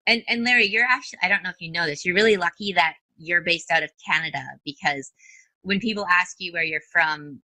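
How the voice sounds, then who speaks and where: A woman's voice: on the low side, brisk, bright, forceful tone, no echo, rough recording. A woman podcast host with a Minnesotan accent, upbeat and chatty, laughing easily as she interviews a guest.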